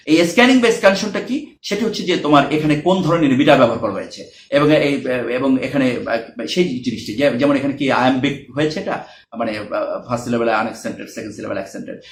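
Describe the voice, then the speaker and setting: A man's voice: medium pitch, reverberant. A male university lecturer explaining exam preparation in a spoken lecture, patient, with many fillers and restarts and English terms mixed in.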